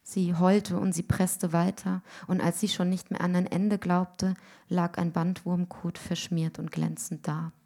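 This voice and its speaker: A woman reading a literary story aloud in a rhythmic way, often dropping to hushed tones. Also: on the low side, level tone, unhurried, vocal fry. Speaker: reader.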